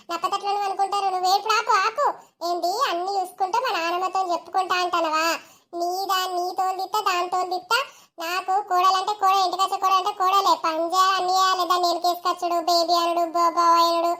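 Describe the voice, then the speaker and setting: A woman's voice: very high voice, bright, forceful tone. A woman voicing a bossy, scheming old grandmother in a cartoon, with a Telangana Telugu accent. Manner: scolding, domineering.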